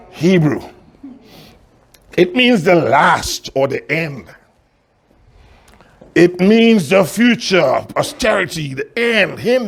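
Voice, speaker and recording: A man preaching a sermon as pastor, reading scripture slowly with dramatic emphasis and asking the listeners rhetorical questions. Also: on the high side, creaky, breathy edge. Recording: sermon recorded in a church.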